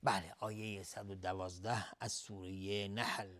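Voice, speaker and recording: Guy teaching quran recitation on tv, chants verses slow then explains fast, keeps repeating sounds as a drill. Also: fairly low pitch, level tone, a bit bright. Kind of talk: tajweed lesson, explaining and reciting. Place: TV studio.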